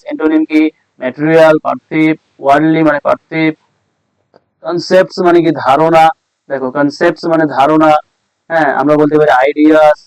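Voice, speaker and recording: A man teaches an English lesson in a rather high voice that stays level and flat. He asks his students questions and answers them himself, repeating key words. The recording is dry and close. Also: clear, resonant tone, no echo, rough recording. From Bengal. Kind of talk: classroom-style lesson explaining a text.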